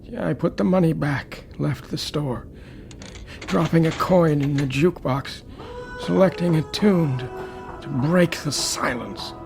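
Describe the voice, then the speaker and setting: In a radio drama, an actor plays a lonely, anguished man in his eighties stranded on Mars, delivering a reminiscing monologue. His voice is on the high side and gravelly, bitter and desolate, halting and haunted as it swings from murmurs to outbursts. The recording is noisy, with music underneath.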